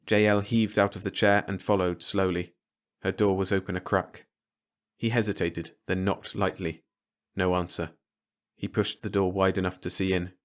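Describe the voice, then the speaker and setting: A man narrates a short story aloud from a script, an audiobook-style bedtime read-along. His voice sits low, with little pitch movement, at a moderate pace.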